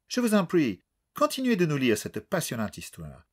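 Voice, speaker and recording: A man voicing a genteel elderly British lady, soft and distinguished, with a caricatured English accent. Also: fairly high pitch, wildly swooping pitch, normal speed, breathy edge, voice pushed up, exaggerated voice. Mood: gushing.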